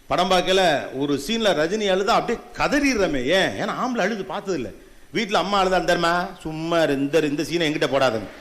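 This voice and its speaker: A middle-aged man with a Tamil accent gives an impassioned motivational talk to young women, firing rhetorical questions and swinging between loud and soft. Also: high voice. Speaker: TV host giving a motivational talk.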